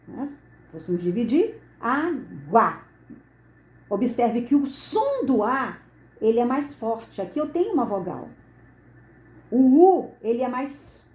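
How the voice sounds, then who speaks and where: Woman teacher going slow, repeats key words, voice goes up and down a lot, fairly high. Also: mellow. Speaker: Portuguese teacher. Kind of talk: classroom lesson at a board. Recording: echoey room.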